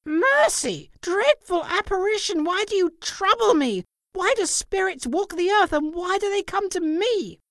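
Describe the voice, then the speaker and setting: A woman voicing a frightened old miser who pleads in a high, shaky voice. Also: wildly swooping pitch, moderate pace, reverberant, heavily acted. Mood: terrified.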